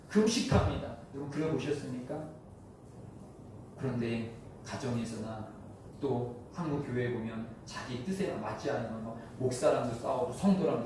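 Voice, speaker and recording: A male pastor preaching a sermon with passion, dropping to a hush and then rising to loud cries. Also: medium pitch, a little hiss or hum. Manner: impassioned preaching, swings from hushed to loud cries. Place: church sanctuary. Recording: very echoey hall, from a distance.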